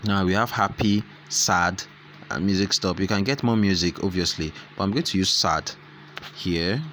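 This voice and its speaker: A man's voice: deep voice, moderate pace, fairly bright tone, a little hiss or hum. A man hosting an app tutorial who explains each step in a rambling way and corrects himself as he goes. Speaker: tutorial host. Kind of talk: screen-recorded app tutorial.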